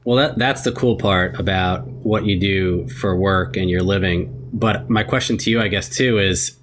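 A man's voice: sits low, unhurried, a bit bright, a little hiss or hum. A man interviewing a guest in casual chat, asking questions in an easygoing way.

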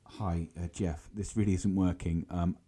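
A man voicing a flustered male office boss. The boss speaks in a quiet, halting way, fumbling after dropping his phone. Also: low-pitched, steady tone, heavy background noise, voice pushed down, close to an everyday voice. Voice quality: halting, broken-off speech. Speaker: improv comedy podcast host. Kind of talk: improvised comedy sketch.

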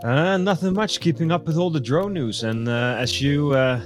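A man's voice: a little high, moderate pace, soft background music. A man co-hosting a podcast, easygoing and talking with many fillers. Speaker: podcast co-host and drone news writer. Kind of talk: casual podcast chat.

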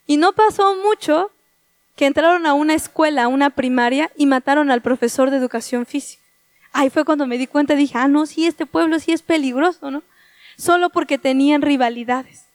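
A woman preaching a sermon in a very high voice. She tells stories full of quoted dialogue and turns to the congregation with questions. The sound is dry and close, with no room echo. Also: moderate pace.

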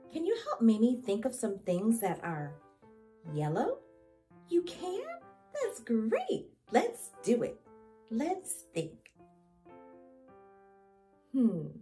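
A woman hosting a preschool lesson for young children in an encouraging, sing-song kindergarten teacher voice, asking simple questions and pausing for answers. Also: on the high side, dark tone. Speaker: children's show host.

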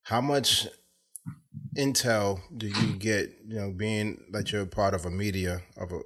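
A man's voice: fairly low pitch, steady tone, a little slow, fairly bright tone. A man hosting a podcast, asking curious, probing questions and rephrasing them as he goes. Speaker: podcast host. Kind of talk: conversational interview questions.

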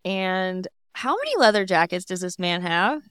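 A woman's voice: lowish voice, moderate pace, clean tone, dry recording, clean studio sound. A woman co-hosting a podcast, recapping an episode in casual chat and acting out quoted lines. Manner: animated, acts out quoted lines. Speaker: podcast co-host.

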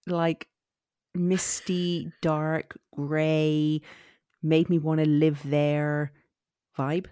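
A woman's voice: deep voice, flat delivery, extremely slow, mellow, clean tone, no room sound, clean studio sound. A woman from Somerset with a West Country accent, chatting casually and bluntly about films, with some swearing. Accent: West Country English, Somerset. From Somerset, England. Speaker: film podcast co-host. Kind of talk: casual film chat.

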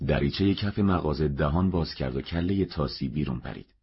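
A man reading a novel aloud as narrator, in a steady, measured way. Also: extremely low pitch, slightly rough. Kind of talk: audiobook narration. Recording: dull lo-fi recording.

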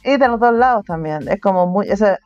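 Chilean woman, smooth voice, casual chat. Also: medium pitch, lively intonation, fairly quick, darkish tone, dry recording, muffled recording, soft background music. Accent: Chilean Spanish. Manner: casual, chatty, laughs between points. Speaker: interviewee, artist living abroad. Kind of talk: remote interview conversation.

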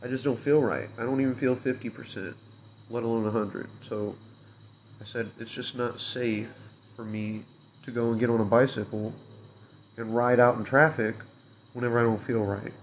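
A man's voice: medium pitch, steady tone, moderate pace, a little hiss or hum. A young man in a casual, rambling rant, hungover and unwell, swearing and frustrated, with many fillers.

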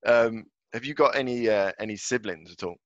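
Podcast host: man, lowish voice, informal interviewer, dry slightly muffled sound. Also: a little fast, no room sound. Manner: informal, conversational. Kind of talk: casual interview.

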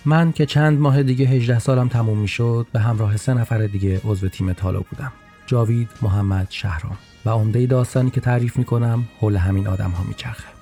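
Wry storytelling man, mellow voice. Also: medium pitch, fairly even intonation, creaky, faint music behind. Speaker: narrator. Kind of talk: storytelling podcast narration.

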